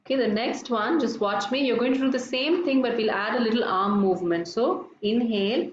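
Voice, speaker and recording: A woman instructing a yoga breathing class in a gentle, soothing, unhurried murmur, guiding people to relax. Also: fairly high pitch. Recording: echoey room, dull lo-fi, faint noise.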